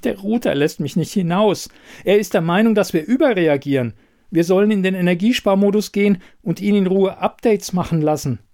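A man's voice: sits high, a little fast, dark tone, pitched above the performer's own voice. A man voicing an anxious male smart fridge in an audiobook, fretful and worried. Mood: frustrated. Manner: fretful, increasingly panicked. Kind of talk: audiobook reading.

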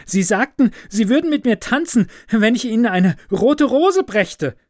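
A man voicing an impulsive, self-absorbed young student in a fairy tale, with loud, excited exclamations. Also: fairly high pitch, unhurried, no room sound, studio quality.

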